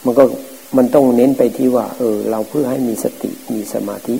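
A middle-aged man, a Buddhist forest monk, giving a calm, plain-spoken dharma talk. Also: medium pitch, fairly quick. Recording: hissy, noisy old recording.

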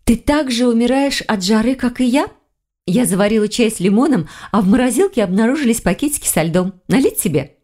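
The narrator shifts into the voice of a curious young woman for this audiobook passage, going slightly higher and more animated than her usual narration. Her pace is a little fast.

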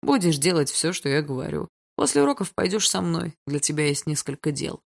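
Woman voicing a low, gravelly teasing teen boy. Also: sing-song, full character voice. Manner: slow, low and mocking.

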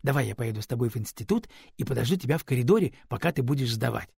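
A man's voice: mid-range voice, expressive, very fast, gravelly, a little mellow, slightly rough, dry recording, studio quality, full character voice. A man voicing a rude, pushy teenage girl in an audiobook, cheeky and pert. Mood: eager. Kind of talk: audiobook character voice.

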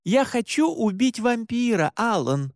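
A man's voice: very high-pitched, big pitch swings, measured pace, a little mellow, dry recording, clean studio sound, voice pushed up, heavily acted. A man reading an audiobook and voicing a stern, furious middle-aged mother who gives harsh orders. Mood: cold, intent. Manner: harsh, commanding.

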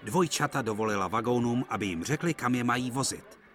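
Expressive male cartoon narrator. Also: medium pitch. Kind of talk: storybook narration of a cartoon dub.

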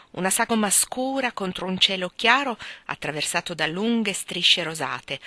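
A woman narrating a classic novel in a measured, expressive reading. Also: lowish voice, no room sound. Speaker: audiobook reader. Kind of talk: literary audiobook narration.

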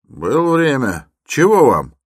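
A man's voice: mid-range voice, wildly swooping pitch, slow, slightly rough, no echo, studio quality, voice pushed up, full character voice. A man voicing an irritable, suspicious male yard-keeper in a narrated story who barks impatient questions.

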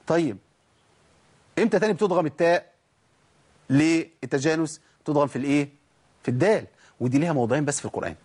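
A man's voice: on the high side, husky. A man with an Egyptian accent teaching Quran recitation, asking questions and answering them himself, and repeating words to show how letters sound. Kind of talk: recorded recitation lesson.

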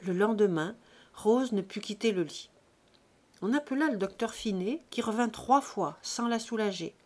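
A woman narrating a classic novel as an audiobook reader in a measured, steady way. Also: mid-range voice.

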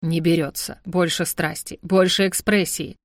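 A woman's voice: fairly low pitch, fairly even intonation, a little slow, no room sound, studio quality, natural voice. A woman voicing a cool, phlegmatic male demon who gives serious, bossy orders in a storybook reading. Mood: deadpan.

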